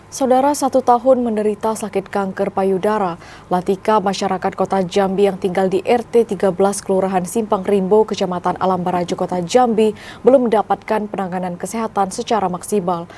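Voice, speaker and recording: Mellow-voiced woman reading the news. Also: mid-range voice, fairly even intonation, a little hiss or hum. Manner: formal, measured newsreading. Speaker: news anchor. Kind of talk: scripted news narration.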